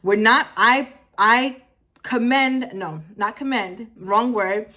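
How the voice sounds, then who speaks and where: Her voice a little high and sharp in tone, a motivational vlogger in her twenties speaks slowly to her viewers. The talk is casual yet emphatic, full of repeated phrases for effect and self-corrections.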